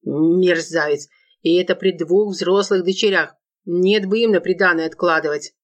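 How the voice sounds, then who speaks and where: A woman's voice: on the low side, normal speed, highs cut off, lightly acted. A woman voicing a harsh, scornful middle-aged widow in an audiobook, curt and contemptuous. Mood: spiteful. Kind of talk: audiobook narration.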